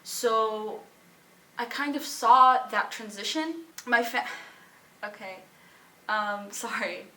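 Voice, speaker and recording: Syrian-born young woman, halting testimony. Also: on the high side, sharp tone, echoey room, recorded from a distance, low-quality recording. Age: young adult. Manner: halting and emotional, with pauses, sighs and restarts. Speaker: student sharing her story. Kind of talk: personal testimony.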